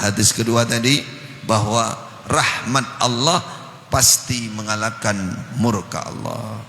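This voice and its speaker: A man's voice: medium pitch, bright, forceful tone. A man preaching a sermon in a mosque, earnest, with rising emphatic phrases. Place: mosque hall. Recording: echoey mosque hall.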